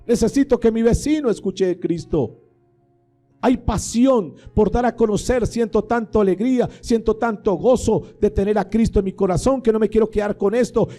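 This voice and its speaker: A male pastor preaches with fervent, emphatic conviction, slipping into the voices of the people he quotes. His voice sits high for a man yet sounds very dark and mellow. Soft music plays faintly underneath. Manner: impassioned preaching, acting out voices of believers and critics. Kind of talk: sermon.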